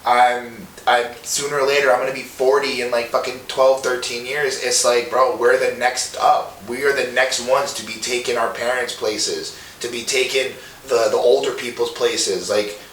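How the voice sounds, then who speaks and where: A young rapper in his twenties from Montreal rambles earnestly and profanely in a casual monologue interview. His voice is medium-pitched, steady, and a bit bright, at a moderate pace with hardly any pauses. He's recorded off-mic from a distance in a roomy space with faint hiss.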